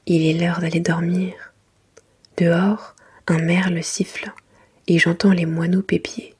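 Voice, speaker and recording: A woman reads a children's bedtime story in a hushed, very breathy whisper. Her voice sits a little low, and she goes gently and carefully, in a soft ASMR reading style. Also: flat delivery, a little slow.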